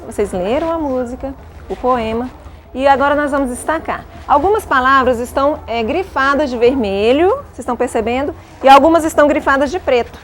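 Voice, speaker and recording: A Brazilian woman teaching a class of pupils, patiently asking guiding questions and filling her pauses. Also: high-pitched, a little hiss or hum. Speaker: schoolteacher.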